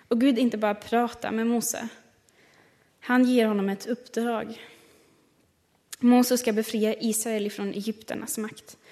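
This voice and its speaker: A woman preaching a sermon and reading scripture, reflective, slowing down to stress key words. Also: a little high, darkish tone. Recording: long reverb of a large hall.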